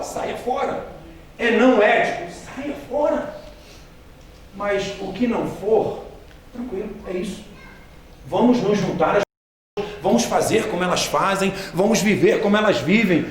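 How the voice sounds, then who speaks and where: A man, a missionary giving a church training talk with humorous anecdotes, joking and asking the audience questions directly. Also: high voice. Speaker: missionary speaker. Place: large hall with a live audience. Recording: echoey hall from far off, audience audible.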